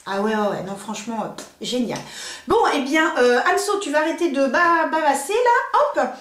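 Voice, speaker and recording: A woman's voice: high voice, sing-song, moderate pace, fairly bright tone, echoey room. A middle-aged woman chatting through a makeup tutorial in a beauty salon, gushing and full of fillers. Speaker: beauty vlogger. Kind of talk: casual makeup tutorial chat.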